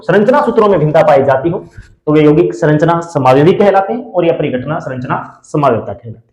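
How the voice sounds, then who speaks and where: A man's voice: sits high, darkish tone. Echoey male teacher, quizzing and answering. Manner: asks questions then answers them himself; repeats key terms slowly for note-taking. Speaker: chemistry teacher. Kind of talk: classroom lecture.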